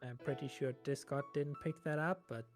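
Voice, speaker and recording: A woman's voice: sits low, moderate pace, music in the background. A woman streaming a game, giving casual, joking commentary in a wry manner.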